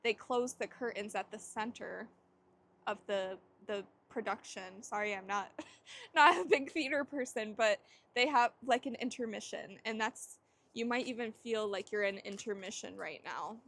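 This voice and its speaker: A woman's voice: mid-range voice, moderate pace, fairly bright tone. A young adult woman giving a casual tarot reading to camera. She rambles and searches for words, with frequent laughs. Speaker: tarot reader.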